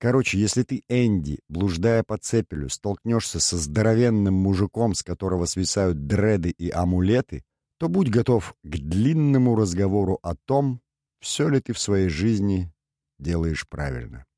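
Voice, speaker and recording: A man's voice: low voice, lively intonation, moderate pace, warm tone, no echo, studio quality. A man voicing a cheerful, mocking male astrologer in an audiobook, teasing and amused.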